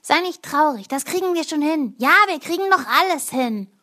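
A woman's voice: high voice, lively intonation, moderate pace, a bit bright, voice pushed up. A woman reading a storybook aloud, voicing tiny, boastful, chattering house creatures. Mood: reassuring.

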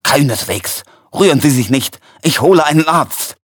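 A man voicing an emotional, excitable male quack healer who speaks earnestly. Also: mid-range voice, unhurried, breathy edge, no echo, clean studio sound, pitched above the performer's own voice.

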